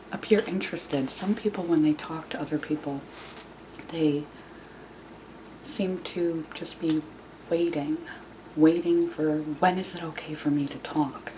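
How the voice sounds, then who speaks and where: Female vlogger, hushed and quiet as if not to wake anyone, flat low delivery, informal advice, noisy room recording. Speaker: video channel host. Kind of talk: casual self-help vlog, informal advice talk.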